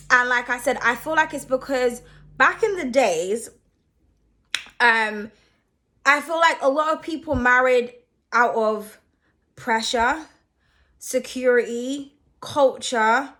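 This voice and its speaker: A young woman hosting her own channel speaks slowly in a slightly high, pushed, bright voice, chatting loosely to camera on her own. She's sniffling from hay fever and keeps checking in with "okay?" as she rambles.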